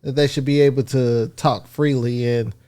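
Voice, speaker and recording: A man's voice: medium pitch, fairly even intonation, normal speed, dark tone, smooth. A man with an American accent, co-hosting a podcast and arguing his point in long, earnest, blunt runs of casual chat. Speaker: podcast co-host.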